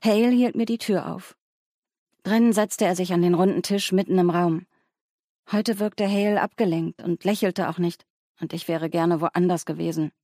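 A woman reading a first-person audiobook with composed, even delivery. Her voice sits low, and the recording is close and dry with no room echo. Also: normal speed. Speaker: audiobook narrator.

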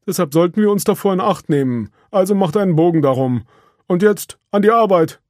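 Guy doing a bossy lecturing surge protector, loud and stern. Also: high-pitched, animated, brisk, dry recording, clean studio sound, voice pushed up.

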